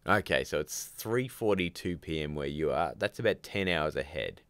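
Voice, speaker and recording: A man's voice: rumbling low, animated, normal speed, a bit bright, smooth, no echo. A man hosting a casual livestream, rambling and chatty in a groggy morning voice, talking from home. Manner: rambling, chatty, reads out viewer comments. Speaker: livestream host.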